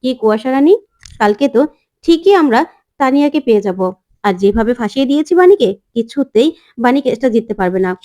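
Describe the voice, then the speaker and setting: A man's voice: very high-pitched, lively intonation, quick pace, dark tone. A woman voicing a smug, scheming father who mocks his estranged wife, in a taunting, sarcastic manner, as she narrates a serial's episode.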